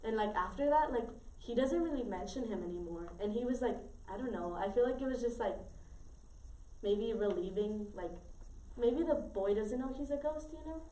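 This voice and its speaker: A woman's voice: on the high side, animated, normal speed, dark tone. A teenage girl casually telling a story to friends, rambling with lots of fillers and restarts. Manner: rambling, many fillers and repeats. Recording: roomy, far from mic, faint noise.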